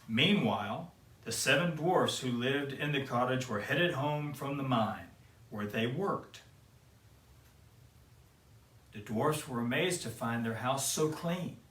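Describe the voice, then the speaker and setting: A man with a medium-pitched voice reads a children's picture book aloud, slow and gentle like a storyteller for kids. The recording sounds roomy, with the mic placed at a distance.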